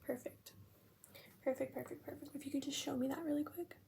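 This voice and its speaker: A young American woman in an ASMR role-play as a friendly librarian, speaking in a gentle, unhurried, breathy library soft voice. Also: sits high, steady tone. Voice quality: soft-spoken, breathy near-soft voice. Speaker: ASMR performer playing a librarian at checkout. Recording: faint background noise.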